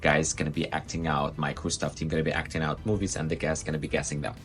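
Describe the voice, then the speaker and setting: Low-voiced man in casual vlog chat. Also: little pitch movement, fast talker, soft background music. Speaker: assistant cruise director vlogging his workday.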